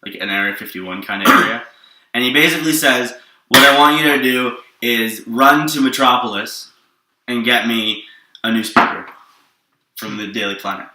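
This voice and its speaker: Presenting his own superhero story, this man speaks at a moderate pace in a bright, forceful, mid-range voice, wandering casually through an off-the-cuff explanation and frequently making sure his listener keeps up. He's picked up from a distance, and the room echoes noticeably.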